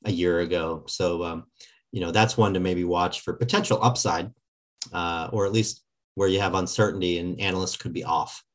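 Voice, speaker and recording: A man giving conversational analyst commentary in a measured, hesitant, hedging manner. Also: deep voice, fairly even intonation. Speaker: market analyst, podcast regular.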